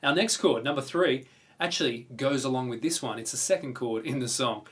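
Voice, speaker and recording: An Australian-accented man with a mid-range, fairly bright voice talks a little fast while presenting a casual guitar lesson. He is chatty, informal and enthusiastic, and acoustic or electric guitar strumming sounds prominently alongside his voice.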